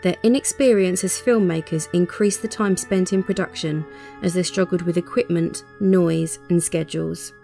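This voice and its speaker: Eine Frau spricht gleichmäßig und gemessen einen geskripteten Dokumentarkommentar. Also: female voice, lowish voice, vocal fry. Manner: even, measured. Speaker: documentary narrator. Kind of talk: scripted narration. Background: music.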